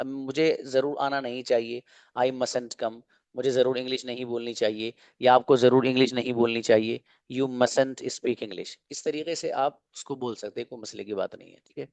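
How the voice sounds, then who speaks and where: A man teaching English grammar in an online class, patiently explaining and repeating example sentences slowly. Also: mid-range voice, no room sound. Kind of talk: online grammar lesson in Hindi.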